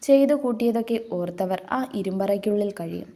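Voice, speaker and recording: A woman's voice: medium pitch, brisk, dark tone, close to an everyday voice. Devan, a woman reading a firm protective young husband. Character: stern young husband, protective and cold to villains.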